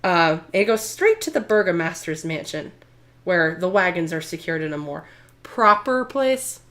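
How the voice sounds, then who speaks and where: Female game master, lowish voice, playful and theatrical, improvising tabletop narration with emphatic phrasing. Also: very animated, normal speed, fairly bright tone.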